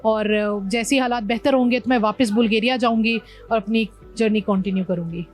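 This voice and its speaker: Pakistani woman biker as guest, lively storyteller, somewhat high voice, faint music under her. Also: a little fast. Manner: animated storytelling, mixing in English words. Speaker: motorbike traveller, guest. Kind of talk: interview conversation.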